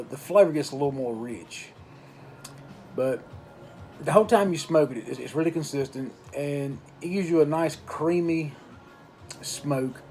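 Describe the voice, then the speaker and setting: A man giving a casual review in an unhurried, folksy way, pausing between short phrases. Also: mid-range voice, darkish tone. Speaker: pipe tobacco reviewer. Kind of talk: casual product review talk.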